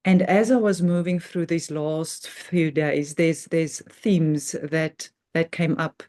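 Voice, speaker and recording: Hosting a guided meditation, a woman offers an unscripted spiritual talk in short, halting phrases with measured pauses. She sounds earnest and reverent; her voice sits low and mellow, with fairly even intonation.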